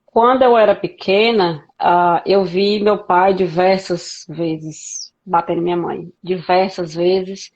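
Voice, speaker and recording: A woman from Brazil, a podcast guest telling her life story frankly in a halting way, with many restarts. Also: fairly low pitch, steady tone, darkish tone, muffled recording. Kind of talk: candid conversational interview.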